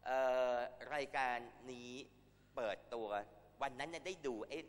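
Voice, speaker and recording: A man's voice: medium pitch, normal speed, a little hiss or hum. Man, university lecturer, blunt and scolding, swears freely, long hall reverb. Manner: blunt, crude slang and swearing, ranting; scolding, warning students. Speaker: university Thai language lecturer. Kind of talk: classroom lecture.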